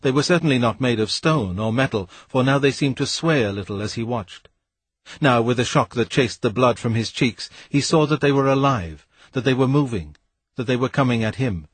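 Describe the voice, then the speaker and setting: A man reading a novel aloud as an audiobook narrator, in a measured, steady way. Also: medium pitch, breathy edge, dry recording. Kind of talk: scripted narration.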